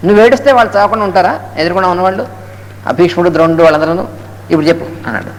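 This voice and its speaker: A man with a high voice rushes through a spiritual discourse, breaking off to chant Sanskrit verses slowly. His talk rings with the long reverb of a hall, and a faint hiss sits behind it. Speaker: Gita lecturer. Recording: echoey hall with faint noise.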